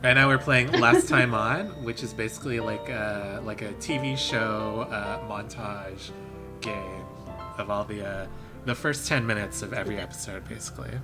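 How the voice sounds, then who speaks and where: A man's voice: lowish voice, steady tone, moderate pace, music in the background. Laid-back man running a story game. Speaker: game master. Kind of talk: casual live-stream chat.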